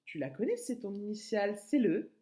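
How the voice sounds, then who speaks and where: A woman teacher speaking to young children, spelling out letters slowly and clearly with lively rises in her voice. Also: medium pitch. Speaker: preschool teacher.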